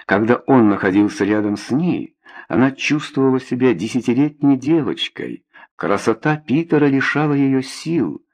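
Gravelly husky male narrator. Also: mid-range voice, lively intonation, moderate pace, darkish tone. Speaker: audiobook reader. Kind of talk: scripted narration.

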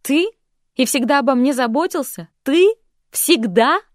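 Audiobook heroine, young woman, read by a woman, sharp and indignant, pitched up and louder, dry sound. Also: sing-song, moderate pace, no echo, lightly acted. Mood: incredulous. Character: young woman, tense and furious with her ex.

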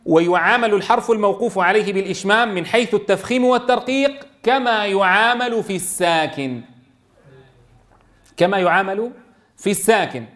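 A man leads a classroom lesson on Quran recitation. His voice sits high for a man. He keeps questioning his students and demonstrates each word in slow, stretched recitation. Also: a bit bright. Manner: quizzes students and models slow drawn-out recitation.

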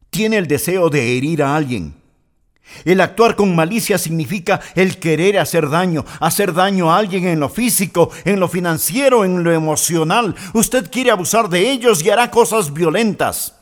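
A middle-aged man preaching a sermon as a pastor, speaking straight to the listener and asking questions as he goes. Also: fairly high pitch. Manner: animated preaching, asks the listener questions directly.

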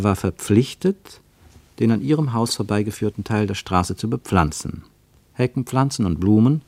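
A male actor narrates a literary radio play, telling a travel story in measured, rhythmic phrases. His voice sits fairly low, and there is no room sound.

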